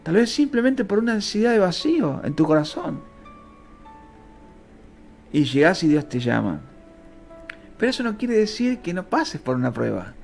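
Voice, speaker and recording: A man's voice: very animated, normal speed, vocal fry, pauses often, soft background music. Fervent Rioplatense Spanish man preaching. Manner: fervent, emotional, swings between low and high pitch. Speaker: Bible teacher. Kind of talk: sermon.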